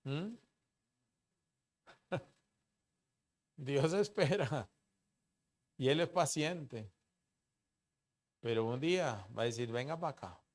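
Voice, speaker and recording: A man preaching a sermon in church, asking the congregation questions and swinging between loud emphasis and soft asides. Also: a little high. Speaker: pastor.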